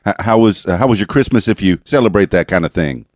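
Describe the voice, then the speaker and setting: A man hosting a podcast interview, talking with many halting fillers and restarts. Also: low voice, animated, no room sound, clean studio sound. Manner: halting, filler-heavy, chuckling. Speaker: podcast host. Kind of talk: casual interview.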